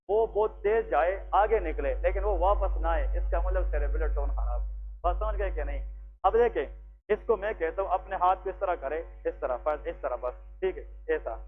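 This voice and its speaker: A man leads a classroom demonstration, walking his students through an examination one step at a time. His voice sits high, and he keeps stopping to ask whether everyone has understood. The recording is thin and phone-like, with faint music underneath. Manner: explanatory, asks the class frequent check questions. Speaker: medical lecturer.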